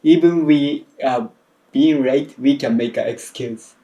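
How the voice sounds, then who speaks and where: A man from Japan with a Japanese accent, chatting as a guest, halting and searching for his words. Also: mid-range voice, mellow. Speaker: guest, videographer. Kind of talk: casual chat. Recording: roomy echo.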